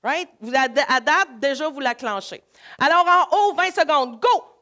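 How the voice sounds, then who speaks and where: A woman with a Québécois accent, leading a live laughter workshop in an energetic, coaxing way. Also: sits high, normal speed. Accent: Québécois French. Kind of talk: live workshop talk to an audience.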